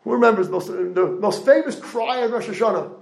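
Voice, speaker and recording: Animated high-voiced man giving a Torah lecture. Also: a little fast, creaky, echoey room, rough recording. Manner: animated, rhetorical questions to the audience. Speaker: rabbi lecturer.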